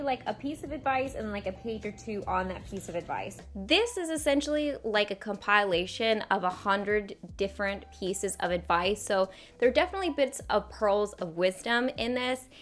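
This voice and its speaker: A woman's voice: medium pitch, expressive, moderate pace, hardly any pauses. A young woman vlogger talking casually to camera about books she has read, often saying "like". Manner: chatty, frequent "like" fillers.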